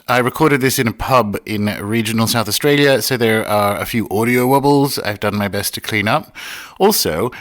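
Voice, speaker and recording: This pub-recorded, cleaned-up podcast features a man with a lowish, fairly bright voice. He reads a scripted introduction, then interviews his guest casually as host.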